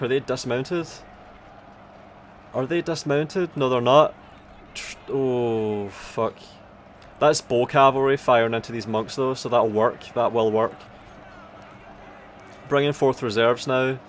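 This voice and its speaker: Man, Aberdonian Scottish accent, casual sweary game commentary, halting delivery, mid-range pitch, faint battle noise behind. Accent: Aberdonian Scottish (Doric). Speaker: esports tournament commentator. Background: strategy game battle sounds.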